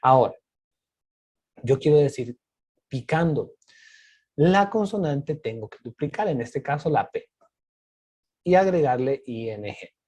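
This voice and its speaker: A man's voice: mid-range voice, lively intonation, measured pace, pauses often, darkish tone, husky. A male teacher patiently explaining grammar rules step by step, asking and answering his own questions. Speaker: English teacher.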